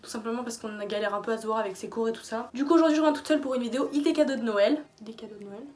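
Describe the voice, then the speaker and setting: Chatty fast-talking young woman vlogger. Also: fairly high pitch, steady tone, a little mellow. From France. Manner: chatty, rambling with many fillers and restarts. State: tired late at night. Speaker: YouTuber. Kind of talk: casual gift-idea vlog. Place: small bedroom.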